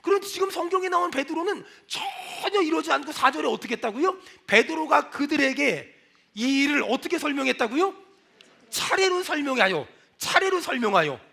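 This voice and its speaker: Male pastor, high and bright with gravel, animated sermon delivery in church. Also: fairly quick. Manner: animated preaching, acting out quoted lines, shouted prayers. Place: church sanctuary.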